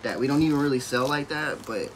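A man's voice: medium pitch, fast talker, low-quality recording. A young man talking casually at home about his family's small business, earnest and leaning on "you know" as he makes his points. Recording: clear background noise.

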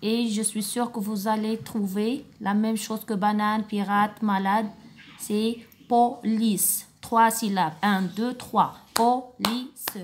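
A woman kindergarten teacher giving a recorded reading lesson for young children, slow and encouraging, praising often. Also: medium pitch, steady tone, slight background noise.

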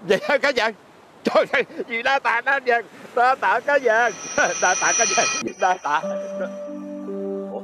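Playing a poor, easygoing old fisherman who chuckles and hesitates, an older Southern Vietnamese-accented man acts out a fairy-tale drama. His pitch is extremely high and his pace normal, and loud music plays over the recording.

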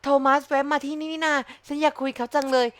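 Excitable young female streamer, chatty and swearing, bright high voice. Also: fast. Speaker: game streamer. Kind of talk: casual gameplay commentary.

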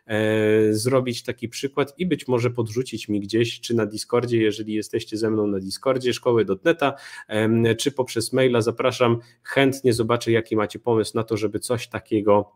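Young male speaker, live coding demo from a small home room, relaxed, halting delivery. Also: mid-range voice. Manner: relaxed, many fillers and restarts. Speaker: conference speaker.

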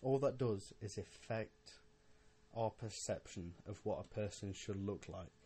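Young male podcaster, lowish voice, mildly drunk, casual and halting rambling delivery. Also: warm tone, a little hiss or hum. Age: young adult. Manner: halting, rambling, with repeated words and swearing. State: a little drunk. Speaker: podcast host.

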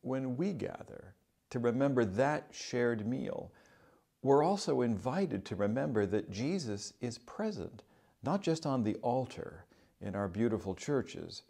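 Older guy preaching, lively rise and fall, long church echo. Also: medium pitch, creaky. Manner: measured, earnest preaching. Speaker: bishop. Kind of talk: sermon. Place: cathedral sanctuary, then a home dining room.

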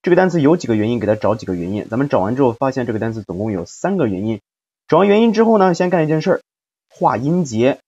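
A man at a middle pitch teaches an English phonics lesson. He explains each step patiently and stretches out individual sounds as he drills syllables. The audio is slightly dull and lo-fi. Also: sing-song, quick pace, warm tone, slightly rough.

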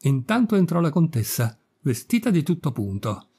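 A man reading a classic story aloud as narrator, measured and unhurried. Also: fairly high pitch, big pitch swings, gravelly, mellow, slightly rough. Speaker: audiobook narrator. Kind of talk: scripted literary narration.

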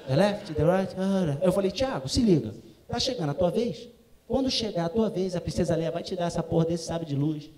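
A man telling a profane comic story as a host, bursting into shouts and mock broken English. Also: high-pitched, lively intonation, fairly quick, echoey room. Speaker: comedian host. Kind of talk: stand-up storytelling. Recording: live audience laughing and reacting.

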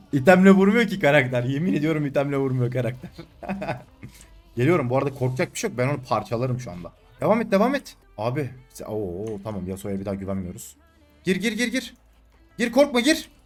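A young man casually commentating his own gameplay, taunting and yelling at the screen, then calming down to explain his moves. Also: mid-range voice, quick pace, soft background music. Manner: excitable, shouts and taunts at the game, swings between calm and loud.

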